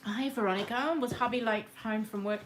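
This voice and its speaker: A woman's voice: fairly high pitch, fairly quick, a little hiss or hum. A woman chatting casually through a live craft demonstration at her home work table, rambling and greeting viewers by name. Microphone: camera on the work table.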